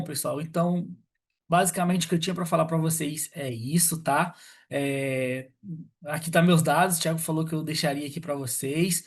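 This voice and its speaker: A man giving an online lecture over a video call, hesitant, with many fillers and restarts. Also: fairly high pitch. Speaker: guest lecturer on pest control.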